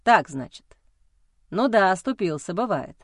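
A woman's voice: medium pitch, very animated, measured pace, dry recording, clean studio sound. Woman voicing a scornful cheating husband. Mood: dismissive. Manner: sneering, accusatory. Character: irritated adult male husband, scornful and blaming.

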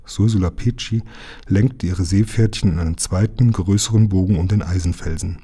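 A man reading a children's book aloud, telling it calmly and evenly. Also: lowish voice, breathy edge. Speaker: narrator.

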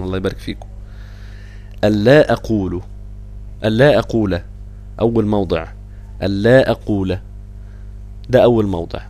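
A man with an Egyptian Arabic accent giving an online Quran recitation lesson, explaining patiently and repeating words slowly for his students. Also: mid-range voice, a little mellow.

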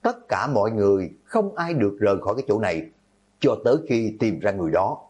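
A man's voice: lowish voice, big pitch swings, fast, darkish tone, husky. A man voicing a level-headed teenage student who firmly takes charge, in a horror audiobook. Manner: firm, commanding.

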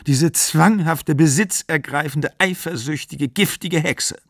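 A man reading an audiobook, voicing an agitated young woman in raised, excited bursts. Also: medium pitch, moderate pace, breathy edge, dry recording, studio quality. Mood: furious.

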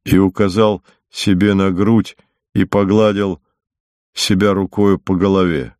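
A man reading classic prose as an audiobook narrator, in a calm, even storytelling manner. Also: low voice, unhurried, no room sound, studio quality. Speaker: audiobook reader.

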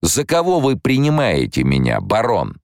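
A man's voice: lowish voice, wildly swooping pitch, gravelly, a little mellow, no echo, clean studio sound, pitched above the performer's own voice, heavily acted. Man playing a cold imperious emperor. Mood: furious. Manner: measured, commanding, slow. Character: stern imperious male emperor, cold and cutting.

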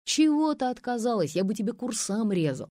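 A woman's voice: on the low side, lively intonation, moderate pace, a little mellow, breathy edge, no echo, clean studio sound. A woman reading an audiobook, voicing an ironic young man who jokes and teases. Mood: teasing. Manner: wry, joking.

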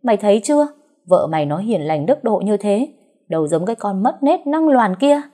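A woman's voice: medium pitch, moderate pace, pitched above the performer's own voice, close to an everyday voice. A woman voicing an older first wife who scolds sharply. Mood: scolding.

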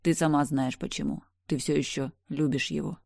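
A woman reading an audiobook, voicing a tender young brother who appears in a dream, speaking softly and calmly. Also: sits low, moderate pace, gravelly, dry recording, clean studio sound. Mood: gentle. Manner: soft, calm and affectionate.

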